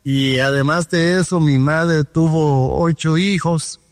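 A Dominican man speaks earnestly down a phone line, recounting his past. His voice sits a bit high and carries a long reverb. The close sound is otherwise dry. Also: steady tone, takes it slowly. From Dominican Republic. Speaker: guest. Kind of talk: testimony over the phone.

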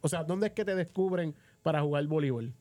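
Chatting through a casual sports interview in a radio booth, the host with a Puerto Rican accent keeps repeating words as he sorts out his phrasing. His voice runs on the high side, a little fast and slightly mellow.

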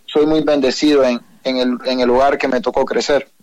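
A man's voice: mid-range voice, little pitch movement, fairly quick, a little mellow. A young man with a Honduran accent, a guest on a phone call, speaking hesitantly with many fillers and frequent religious phrases. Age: young adult. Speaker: guest, professional footballer. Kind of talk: phone interview.

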